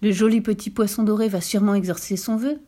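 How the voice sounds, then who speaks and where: A woman's voice: medium pitch, steady tone, fast, warm tone, lightly acted. A woman reading a storybook and voicing a poor, humble old fisherman with a meek, hesitant way of talking. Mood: hopeful.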